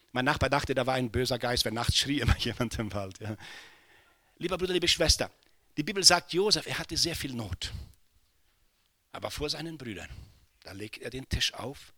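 A male pastor preaching a sermon, swinging from hushed, near-whispered lines to loud impassioned cries, with English exclamations dropped into his delivery. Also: medium pitch, dry recording.

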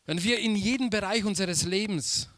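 A man preaching a sermon slowly and emphatically, repeating key phrases for weight. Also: high-pitched, fairly bright tone, dry recording.

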